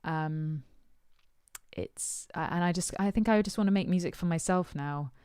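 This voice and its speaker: Low-voiced woman, very smooth and resonant. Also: normal speed, darkish tone, no echo, clean studio sound. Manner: thoughtful, hesitant, with many ums and uhs. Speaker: musician answering supporters' questions. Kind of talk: casual Q&A chat.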